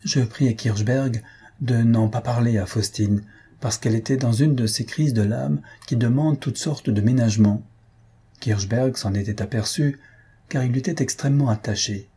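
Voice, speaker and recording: A man reading a classic novel aloud as a first-person audiobook narrator, in a measured, even delivery. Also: mid-range voice, slightly rough.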